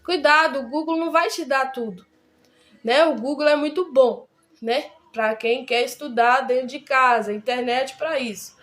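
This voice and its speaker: Woman, high voice, chatty bible study teaching, keeps asking "right?". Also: moderate pace, a bit bright. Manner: chatty, repeats words, many tag questions.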